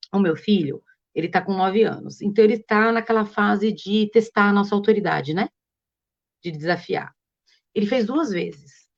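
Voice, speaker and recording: A woman, a guest on a live stream, telling stories earnestly and acting out what she says to her children. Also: medium pitch. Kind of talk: casual live-stream conversation. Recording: dull lo-fi live-stream audio.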